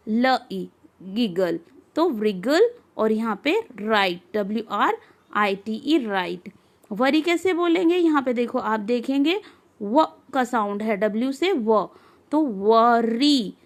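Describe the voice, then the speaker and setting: A woman teacher explaining a lesson for young children, patiently asking questions and answering them herself. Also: high voice.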